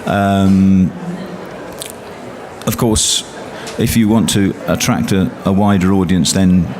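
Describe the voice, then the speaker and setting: This man, a poet on a panel, talks slowly in a low-pitched, level voice, hesitating with frequent restarts and fillers. Loud traffic noise can be heard behind the discussion.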